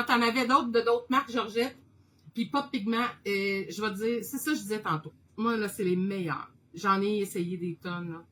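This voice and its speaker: Québécois woman host, mid-pitched, bubbly and chatty, laughs a lot; live-stream painting chat, slight background hiss. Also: poor audio. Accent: Québécois French. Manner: excitable, chatty, laughs often.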